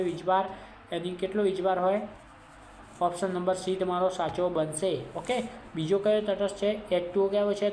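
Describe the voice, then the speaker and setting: A woman's voice: on the low side, darkish tone. A woman with a Gujarati accent teaching a chemistry revision lesson. She asks questions and then answers them herself. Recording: echoey room, faint background noise.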